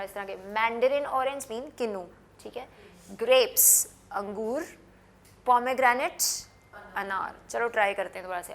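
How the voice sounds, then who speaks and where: A woman teaching English words in a television lesson, patiently repeating and spelling each word slowly for learners to copy. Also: medium pitch. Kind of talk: classroom lesson with repetition drills.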